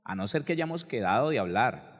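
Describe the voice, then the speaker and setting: A man giving a conversational, animated sermon as a pastor. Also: mid-range voice, a little fast, long reverb tail. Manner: conversational, animated, acts out quoted people.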